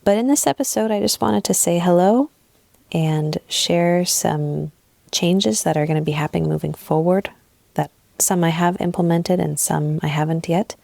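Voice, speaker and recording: A woman in her thirties from Southern California hosting an unscripted solo podcast, soft-spoken and reflective, a little sleep deprived, speaking into old earbud headphones while sitting on her bed. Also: lowish voice, moderate pace, gravelly, dry recording. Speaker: podcast host and relationship coach. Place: bedroom, recording on her bed. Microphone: old wired earbud headphones mic.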